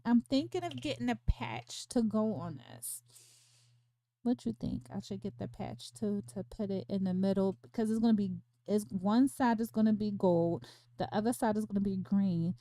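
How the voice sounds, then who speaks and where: A woman's voice: medium pitch, normal speed, warm tone, dry recording. A woman hosting a casual crochet livestream from home, chatting, laughing often and counting stitches aloud. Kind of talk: casual chat while crocheting.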